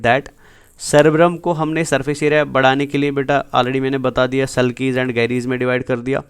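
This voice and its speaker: A man's voice: mid-range voice, smooth. A man teaching biology for an exam, asking questions and answering them himself as he mixes English terms into his talk. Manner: keeps asking and answering his own questions, calls students "beta". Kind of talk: exam-prep lecture over slides.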